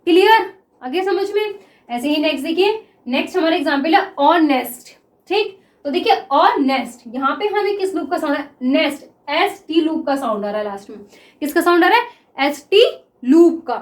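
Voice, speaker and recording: A woman teacher explaining shorthand examples step by step, saying words slowly as she writes them and often checking whether students follow. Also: high voice, lively intonation, reverberant. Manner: repeats words slowly while writing, asks 'clear?' often. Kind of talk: classroom lesson explaining examples.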